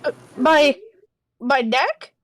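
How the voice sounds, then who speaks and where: Lady doing a nervous witness girl, high and stammery, slow, game music behind. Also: a bit bright, heavily acted. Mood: flustered. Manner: flustered, stammering. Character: nervous young woman witness on the stand.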